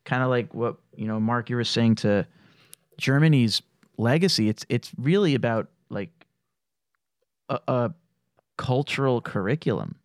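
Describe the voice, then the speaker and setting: A man with a smooth, resonant voice talks loosely in a casual podcast roundtable, stringing thoughts together with plenty of fillers and swear words. The sound is dry and close, with no room around it. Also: medium pitch, lively intonation, measured pace, long pauses, a little mellow, no echo. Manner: rambling, heavy on fillers and profanity.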